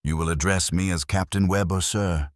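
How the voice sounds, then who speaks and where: A man voicing a cold, stern army captain with a faint German accent, clipped and commanding, in a dark fantasy audio story. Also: low voice, fairly even intonation, normal speed, no room sound, clean studio sound, pitched above the performer's own voice, close to an everyday voice.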